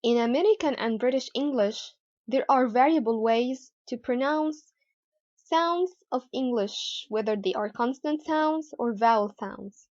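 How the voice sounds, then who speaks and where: A woman teaching English pronunciation, explaining deliberately and repeating example words for learners. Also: on the high side, a little mellow, no echo. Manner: carefully repeats model words for practice. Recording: dull, slightly lo-fi dry sound.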